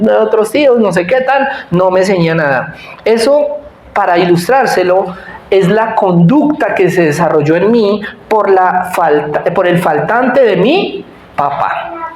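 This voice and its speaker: A man's voice: high voice, lively intonation, moderate pace. A man preaching a conversational sermon, telling personal stories and often checking in with his congregation. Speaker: pastor. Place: church hall. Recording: echoey church hall, faint room noise.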